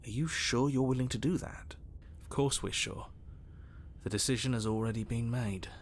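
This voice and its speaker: An actor playing a brooding narrator in a dark fairy-tale video game, speaking formally and deliberately in scripted second person. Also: male voice, mid-range voice, slight background noise, close to an everyday voice. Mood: ominous.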